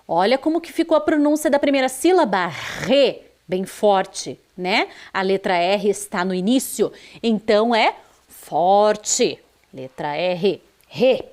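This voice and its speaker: A woman with a Brazilian accent gives a video lesson to young schoolchildren. She speaks very slowly and stretches each word so the children can hear its sounds, with a voice of middling pitch. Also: expressive, a little mellow. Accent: Brazilian Portuguese. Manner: slow, drawn-out words, stressing sounds for children. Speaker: teacher.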